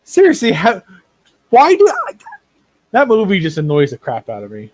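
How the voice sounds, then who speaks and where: A man with a fairly high voice runs a tabletop game, rambling and circling back over his words as he rants. The recording is dry and close, with almost no room sound. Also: huge pitch swings, moderate pace, darkish tone, dry recording. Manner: rambling, repeats words while building a rant. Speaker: game master. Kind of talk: running a tabletop game, casual chat.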